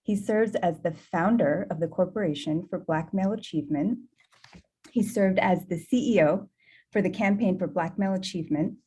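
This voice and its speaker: A woman reads a speaker's introduction over a video call. Her voice is mellow and soft-edged, and she gets a little breathless partway through the long list. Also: fairly low pitch, moderate pace, husky. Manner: warm, slightly breathless reading with small laughs. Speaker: event moderator introducing a guest.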